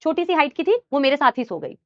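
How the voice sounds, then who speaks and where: A young woman teacher telling a personal story in a casual, animated way, addressing listeners like her students. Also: high-pitched, quick pace, no room sound, lo-fi sound.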